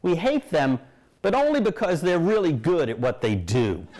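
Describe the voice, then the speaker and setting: A man's voice: fairly high pitch, sing-song, moderate pace, a little mellow. A man delivering a late-night comedy monologue as host, with punchline timing. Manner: punchline delivery, jumps into silly voices.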